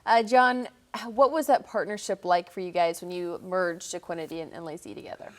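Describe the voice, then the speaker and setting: A woman hosts a show and interviews her guest. She asks her questions in an upbeat, chatty way. Her delivery is polished broadcast hosting. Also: lowish voice. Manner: upbeat and conversational, quick to laugh along.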